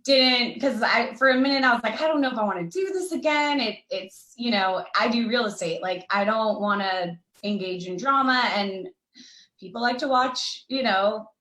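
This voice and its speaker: A woman's voice: fairly high pitch, normal speed, fairly bright tone, roomy sound, poor audio. A woman speaking on an online recovery panel, chatty and rambling with lots of fillers. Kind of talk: casual panel conversation.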